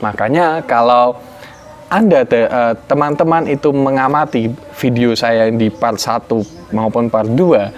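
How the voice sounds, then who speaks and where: A young Indonesian man teaching public-speaking tips in an online tutorial, with lively, exaggerated intonation. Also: medium pitch, a little slow.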